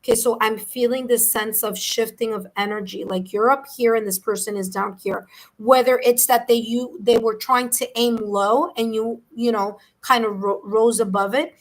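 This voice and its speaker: New york lady doing tarot live, kinda higher voice, rambly, keeps saying okay. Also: steady tone, normal speed, poor audio. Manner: rambling, frequent "okay?" check-ins and restarts. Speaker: tarot reader. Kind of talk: live-stream tarot reading.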